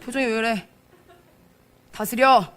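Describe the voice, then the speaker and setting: A young adult woman pastor preaching a sermon, telling stories with animated quoted speech and frequent laughter. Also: a little high, unhurried, smooth. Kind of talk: sermon with storytelling. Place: church service.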